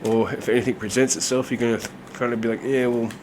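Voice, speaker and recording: A man's voice: medium pitch, fast talker, slight background noise. A man giving a casual, chatty tarot reading, his voice nasal and congested from a cold. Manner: relaxed, chatty, many fillers. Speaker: tarot reader.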